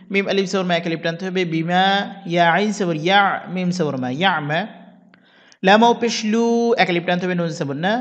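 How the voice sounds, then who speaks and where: A man teaching Quran recitation, patiently spelling out each syllable and reciting verses slowly and drawn out. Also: high-pitched, highs cut off. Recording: long reverb.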